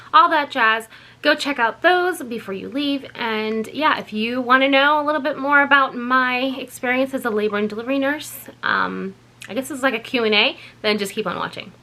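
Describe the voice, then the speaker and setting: A woman in her thirties talks casually to her vlog viewers about her work as a labor and delivery nurse. Her voice is bright and sits a little high for a woman. She rambles cheerfully, corrects herself often, and sounds tired after a night shift. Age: 30s. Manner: chatty, rambling, self-correcting.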